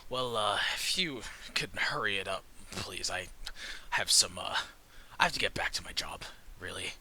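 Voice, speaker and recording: A man's voice: fairly low pitch, expressive, moderate pace, bright, forceful tone, exaggerated voice. A man playing a shady, bored stall-keeper in a tabletop game, nonchalant, sarcastic and hesitant. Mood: dismissive sarcasm. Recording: faint hiss.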